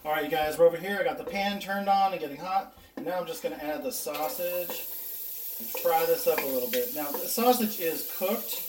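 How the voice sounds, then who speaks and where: A man's voice: on the high side, a little fast, slight background noise. A man hosting a casual cooking vlog, chatting to viewers in a folksy way. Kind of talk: casual taste-test and cooking demonstration. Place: indoors in a kitchen. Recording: roomy echo, distant microphone.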